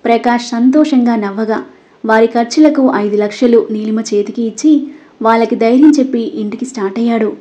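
Female storyteller, mellow higher voice, steady scripted reading, dull lo-fi recording. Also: brisk. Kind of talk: scripted narration of a romance serial.

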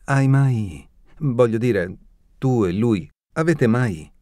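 A man's voice: medium pitch, expressive, slow pace, mellow, no echo, clean studio sound. A man doing a nervous young heroine. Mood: anxious.

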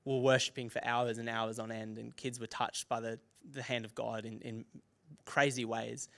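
A young adult man with an Australian accent, a youth pastor telling a lively story in a sermon, laughing and acting out the people in it. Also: mid-range voice, moderate pace, vocal fry. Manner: animated, laughing, acts out dialogue. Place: church auditorium.

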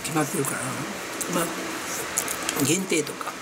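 A middle-aged woman with a Kansai accent chatting casually to camera in a small room, chewing as she talks and pausing to eat. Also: deep voice, fairly even intonation. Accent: Kansai Japanese. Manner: chewing while talking, with pauses to eat. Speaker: vlogger. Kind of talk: casual solo chat while eating ice cream. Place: small cluttered room indoors. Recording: very noisy home recording.

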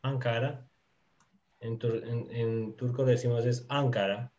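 A man teaching Turkish in a live online lesson, explaining patiently and filling pauses with lots of fillers. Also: mid-range voice, little pitch movement, warm tone, lo-fi sound.

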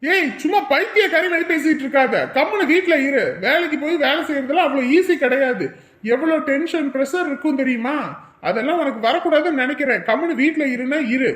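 A woman's voice: high-pitched, brisk, reverberant, natural voice. A woman playing a stubborn young husband who bossily orders his wife to stay home. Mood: stern. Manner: bossy, dismissive.

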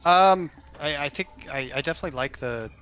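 A man's voice: a little high, brisk, fairly bright tone, clean tone, poor audio. A man being coached at a game, chatting casually with hesitant, easygoing short replies. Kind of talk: casual chat on a game stream.

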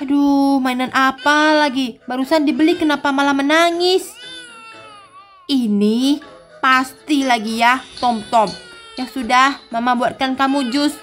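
A woman's voice: sits high, measured pace, fairly bright tone, soft background music. A woman hosting a game playthrough, speaking in a motherly way and addressing her viewers. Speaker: gaming channel host. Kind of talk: let's play commentary.

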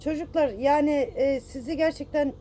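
A woman's voice: high voice, steady tone, moderate pace, mellow, a little hiss or hum. A woman vlogger in a casual apology to her viewers, upset and self-reproaching, rambling with many fillers and affectionate toward her audience. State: distressed.

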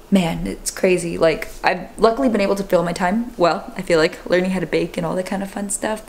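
A young woman talks casually to her camera at home, her voice sitting a little low and her chat loose and full of fillers. A faint hiss runs under the home recording. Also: darkish tone. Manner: chatty, filler-heavy with many "like"s. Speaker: fitness vlogger. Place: home kitchen, indoors.

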